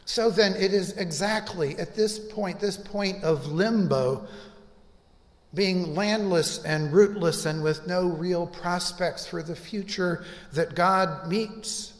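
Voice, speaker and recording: An older man gives a sermon at a church pulpit, with a somewhat high voice and a very slow, deliberate delivery full of pauses. His voice rings through a large sanctuary with a long echo. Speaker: pastor. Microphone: pulpit microphone. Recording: reverberant church hall.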